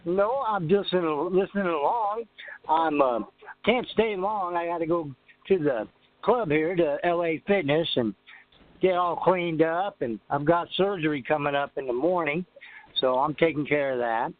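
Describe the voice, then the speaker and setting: Caller: anxious man on the phone, slightly high, earnest, tinny line. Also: unhurried. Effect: over the phone.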